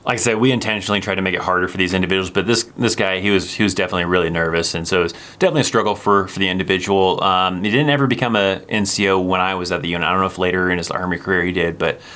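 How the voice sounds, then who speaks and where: Deep-voiced man casually commenting on a clip. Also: rapid-fire, hardly any pauses. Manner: relaxed, rambling, laughs along. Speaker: channel host and former army sergeant.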